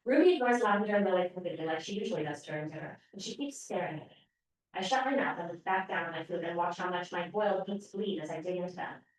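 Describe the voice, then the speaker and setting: At a podium in a library room, a woman author reads aloud from her novel, delivering an expressive first-person telling with brief hesitations between sections. Her voice is on the low side and fast. The room is very echoey, and she sits some distance from the microphone.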